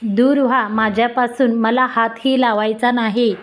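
An indignant young woman in an audio storybook, her voice sitting a touch high. A woman narrator gives her lines in her own everyday reading voice. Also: steady tone, unhurried, lightly acted. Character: young woman fending off a man.

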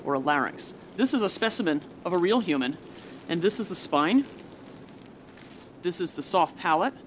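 A woman's voice: fairly low pitch, a little hiss or hum. A woman scientist giving a plain-worded, step-by-step explanatory demonstration for a documentary.

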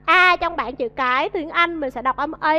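High bright Vietnamese woman teaching class. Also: normal speed. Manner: coaxing, questions the class and drills pronunciation. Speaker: English teacher. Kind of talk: classroom vocabulary lesson. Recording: dull lo-fi audio.

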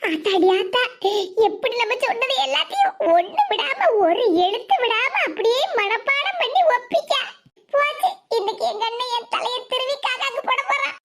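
A performer voicing a scheming, sharp-tongued middle-aged aunt in a cartoon, with a Tirunelveli Tamil accent and taunting laughs. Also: very high-pitched, big pitch swings, normal speed, background noise, heavily acted. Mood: mocking. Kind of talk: cartoon voice acting.

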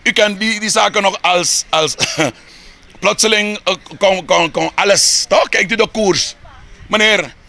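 A Surinamese man with a Surinamese Dutch accent speaks in a high, gravelly register. His tone is bright and forceful as he argues heatedly in a street interview, piling up rhetorical questions and repeating words while he builds each point. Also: measured pace.

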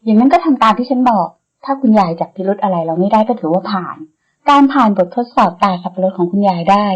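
A woman voicing a bossy, blunt young woman who leads her friends, speaking briskly in an audiobook. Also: medium pitch, lively intonation, breathy edge, lo-fi sound. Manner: brisk and commanding. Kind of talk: audiobook character reading.

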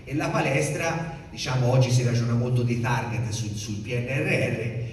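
A man's voice: mid-range voice, normal speed, slight background noise. A man who is a local official, giving a formal speech with lists and thanks at a press event. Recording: echoey hall, mic from far off.

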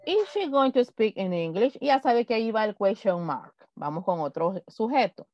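A woman teaching an online class, patiently repeating example sentences slowly. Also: fairly high pitch, sing-song. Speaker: English teacher. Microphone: video call. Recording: dull lo-fi video call audio.

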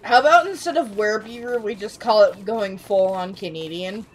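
A woman's voice: medium pitch, moderate pace, slight background noise. A young woman hosting a let's play, chatting casually, giggling often and swearing freely. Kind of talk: casual gaming chat.

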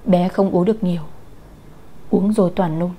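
A woman's voice: on the low side, steady tone, moderate pace, dark tone. A woman voicing a stern elderly matriarch who speaks in curt, commanding lines.

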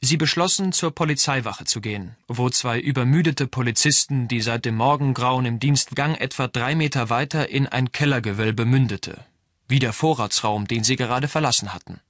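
A man reading a novel aloud as audiobook narrator, in an even storytelling delivery. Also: medium pitch, normal speed. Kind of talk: scripted narration.

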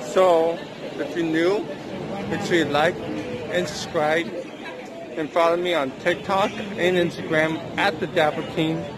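A man hosting a casual food-review vlog, talking slowly and haltingly through a face mask, outdoors at a theme park. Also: a little high, steady tone. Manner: slow, halting, with restarts. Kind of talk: casual vlog talk to camera. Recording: loud park music and crowd noise. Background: park music and crowd.

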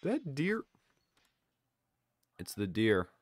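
A man's voice: mid-range voice, huge pitch swings, extremely slow, faint music behind. A young man giving loose, casual running commentary on fail clips, full of exclamations. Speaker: reaction video creator.

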